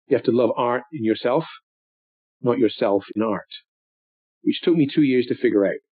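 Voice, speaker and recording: An older man reminiscing in a rambling, thoughtful way, with many pauses and restarts. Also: on the low side, breathy edge, dry recording. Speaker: interviewee. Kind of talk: reflective storytelling. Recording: tinny phone-like audio.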